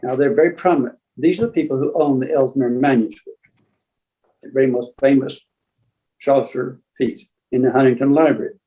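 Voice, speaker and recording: An older man with a mellow, medium-pitched voice and fairly even intonation tells anecdotes casually on a rough recording. A museum founder and book collector appearing as a guest storyteller, he rambles and halts, acting out exchanges he remembers.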